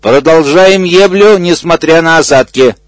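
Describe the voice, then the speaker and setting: A man's voice: on the high side, unhurried, dry recording, studio quality, voice pushed up, lightly acted. A man voicing a crude, pushy male hippo who curses and squeals insults in a raised voice.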